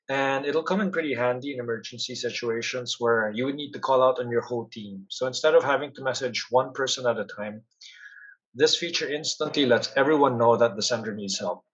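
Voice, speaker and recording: This fairly quick instructional screen-share narration comes from a man whose voice is mid-pitched and slightly husky. He explains a software demo one step at a time over a somewhat dull-sounding recording.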